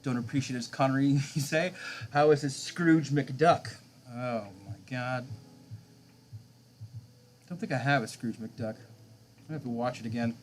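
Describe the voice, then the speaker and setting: A man's voice: mid-range voice, moderate pace, long pauses, a little hiss or hum. A man in his thirties, a game streamer, chatting casually with his viewers late at night, chuckling often as he answers chat.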